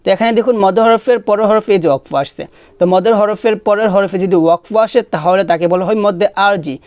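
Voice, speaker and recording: A man teaching recitation, spelling out each syllable patiently and drawing the verses out in a slow chant between brisk explanations. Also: sits high, fairly even intonation, a little mellow, smooth, no room sound. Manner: patient, repeats syllables for students to follow.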